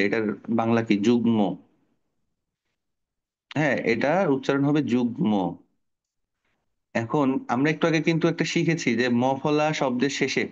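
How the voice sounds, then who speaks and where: A man's voice: medium pitch, highs cut off. A middle-aged man teaching an online spelling class to children, explaining patiently and asking the class questions.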